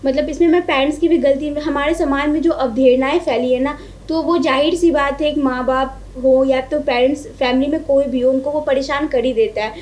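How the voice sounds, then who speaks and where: A woman's voice: high-pitched, steady tone, fairly quick, hardly any pauses, a little mellow. A young woman from Bihar, India, speaking as an interview guest. She explains her points one at a time and keeps checking that the listener is following. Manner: earnest, explains step by step, often checks in with "ठीक है?". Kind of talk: conversational interview.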